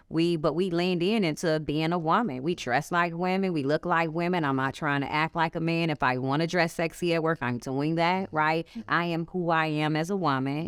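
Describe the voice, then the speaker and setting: A middle-aged woman from the Chicago area, with a Chicago accent, co-founded a small business and speaks frankly in a candid conversational interview. Her low-pitched voice carries animated storytelling with emphatic asides, recorded in clean studio quality with no room sound.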